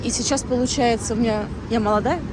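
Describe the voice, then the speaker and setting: A woman's voice: fairly high pitch, steady tone, quick pace. A woman in her thirties vlogging casually outdoors, musing aloud and rambling with fillers and restarts. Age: 30s. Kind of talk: casual walking vlog chat. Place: outdoors on a city street. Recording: street traffic noise behind.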